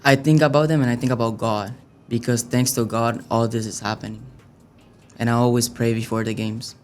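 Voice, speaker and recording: A man's voice: mid-range voice, fairly even intonation, brisk, a little hiss or hum. A young man from Venezuela answering interview questions in a hesitant, casual way with many fillers. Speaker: youth soccer player, guest.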